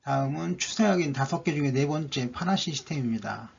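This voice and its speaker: A man's voice: a little high, lively intonation, a little fast, vocal fry, slightly rough. A man narrating a stock chart analysis, going methodically through each indicator one by one, on a dull lo-fi recording.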